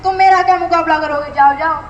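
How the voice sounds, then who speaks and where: A woman's voice: very high-pitched, fairly even intonation, quick pace, dull audio, slight background noise. A female performer playing a boastful, taunting alphabet letter in a school stage skit. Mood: boasting. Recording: echoey room.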